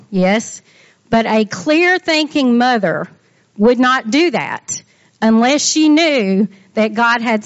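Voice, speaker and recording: High-voiced woman teaching the Bible. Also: no room sound, highs cut off. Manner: animated, talks straight to listeners with "y'all" and "amen". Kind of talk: Bible lesson.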